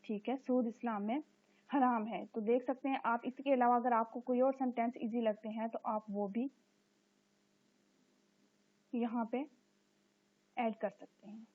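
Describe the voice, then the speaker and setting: A woman teacher from Pakistan works through an exercise in a recorded lecture, reading each English sentence slowly. Her fairly high voice keeps a steady tone, and she says "okay" again and again as she explains. The audio is thin and tinny, like a phone line.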